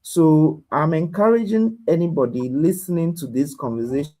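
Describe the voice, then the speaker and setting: A man's voice: a little high, moderate pace, mellow, poor audio. A man as an interview guest, explaining earnestly and repeating his key points, heard over a video call. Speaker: guest expert. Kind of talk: explaining to a host.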